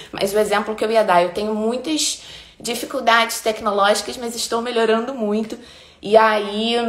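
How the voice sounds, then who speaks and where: A woman from Brazil hosting a casual motivational live stream, animated and acting out little quoted voices, still warm and sweaty from dancing. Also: a little high. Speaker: live-stream host giving advice. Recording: roomy echo.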